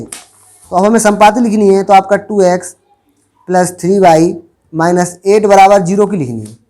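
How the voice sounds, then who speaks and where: Teacher quizzing the class. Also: male voice, high voice, darkish tone. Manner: asks the class rhetorical questions and answers them. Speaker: maths teacher. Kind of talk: board lesson explaining step by step.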